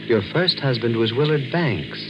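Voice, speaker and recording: An actor playing an eerie, all-knowing, corpse-like hitchhiker in an old radio thriller, calm, deliberate and ominous. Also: male voice, medium pitch, close to an everyday voice. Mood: eerily knowing. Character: eerie cadaverous male stranger, a ghostly all-knowing hitchhiker. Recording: very noisy, muffled old radio recording.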